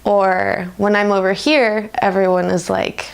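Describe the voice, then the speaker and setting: A young American woman in her twenties, the interviewee in a reflective, conversational personal interview, has a creaky, medium-pitched voice with little pitch movement. She speaks unhurriedly and informally, laughing often.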